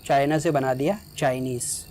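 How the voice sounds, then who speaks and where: A man's voice: mid-range voice, fairly even intonation, normal speed, a little mellow, a little hiss or hum, low-quality recording. Man teaching English grammar in Hindi. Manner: explains patiently, dictates English examples word by word.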